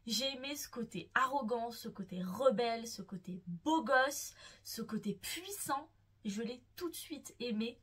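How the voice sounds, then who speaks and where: A woman's voice: fairly high pitch, lively intonation, a little slow, fairly bright tone, breathy edge. Gushing young woman talking books. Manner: gushing, playful, swooning over characters. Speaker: book vlogger. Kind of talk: casual enthusiastic book chat.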